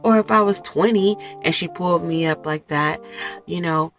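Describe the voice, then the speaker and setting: A woman in her forties chatting to camera from inside a small clothes closet, telling a story in a chatty, expressive way. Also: fairly low pitch, normal speed, soft background music. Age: 40s. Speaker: vlogger. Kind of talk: casual chat to camera.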